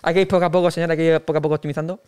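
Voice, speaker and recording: A man's voice: a little high, level tone, very fast, a little mellow, clear, resonant tone. A man hosting a casual podcast, announcing a game section in a loose, filler-heavy way. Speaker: podcast host. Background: music.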